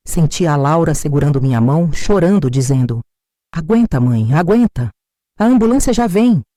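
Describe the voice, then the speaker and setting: Low, dark Brazilian woman telling a story. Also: no room sound, clean studio sound. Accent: Brazilian Portuguese. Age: older. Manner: dramatic, tense, emphatic. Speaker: narrator. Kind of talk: dramatic first-person storytelling.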